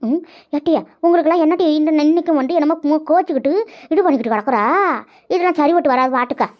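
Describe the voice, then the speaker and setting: A woman voicing a bossy middle-aged mother-in-law in a cartoon, fussing and scolding briskly. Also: high-pitched, lightly acted. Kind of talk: cartoon voice acting. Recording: dull lo-fi audio.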